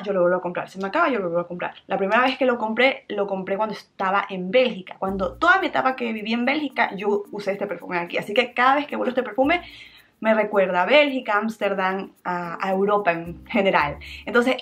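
A woman's voice: on the high side, fairly bright tone. A young adult woman talking casually and with bubbly energy as she reviews a perfume for her vlog, often leaning on words like "súper". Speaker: beauty vlogger.

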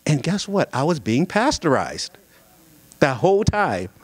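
Unhurried and fairly high, with a breathy edge and no echo, a young man preaches a humorous story at a singles conference. He's at a church pulpit holding a handheld mic, animated and joking with listeners.

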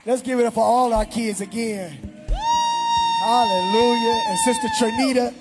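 In a large church hall, a middle-aged pastor on a handheld mic leads prayer and gives announcements. He is animated and shouting to the congregation in an extremely high voice at a moderate pace, over loud music.

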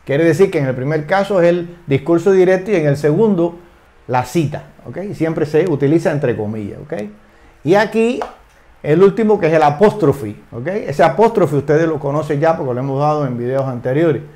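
An older man with Spanish as his first language walks learners through an English lesson. His voice sits a little high, and he slows right down to spell out each English example. He keeps checking in with his listeners as he goes. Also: warm tone. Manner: repeats phrases, frequent tag questions, slow careful English examples. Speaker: English teacher.

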